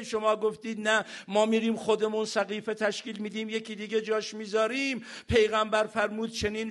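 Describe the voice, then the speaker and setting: A man preaching a sermon, asking rhetorical questions and drawing out scripture slowly. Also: high voice, a bit bright.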